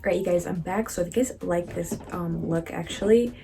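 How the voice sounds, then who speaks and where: A woman's voice: on the low side, moderate pace, mellow, faint music behind. A young woman makeup vlogger giving a casual, chatty product review, speaking directly to her viewers with lots of fillers.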